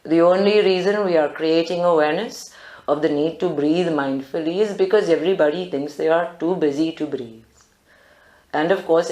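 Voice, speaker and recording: Leading a group meditation indoors, a low-voiced woman from South Africa gives calm, measured instructions. The live capture has a strongly roomy sound.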